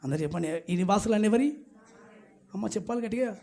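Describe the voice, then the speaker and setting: A man's voice: high-pitched, fast, darkish tone. A man preaching an emphatic sermon at a church night service, urging the congregation to call back answers aloud.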